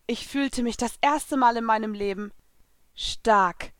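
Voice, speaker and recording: A woman narrating a first-person audiobook story in an expressive storytelling manner. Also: a little high, moderate pace, no echo.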